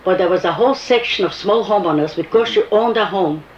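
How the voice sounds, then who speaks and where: In an oral history interview, a foreign-accented older woman brings her activism story to life, quoting and performing the dialogue as she goes. Her voice is medium-pitched and brisk, captured in a muffled, echoey room with faint hiss.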